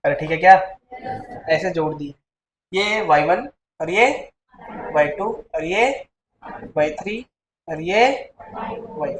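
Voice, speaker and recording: A man's voice: fairly high pitch, takes it slowly, long pauses. A man teaching a physics lecture to a class, coaxing and quizzing his students all the time. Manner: coaxing, keeps asking the class questions. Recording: echoey classroom with faint noise.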